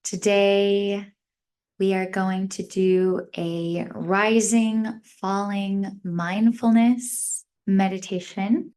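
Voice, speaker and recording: As an instructor, a woman leads a guided mindfulness meditation, speaking gently in short, measured phrases with long pauses between them. Her voice is mid-range, smooth, and steady in tone.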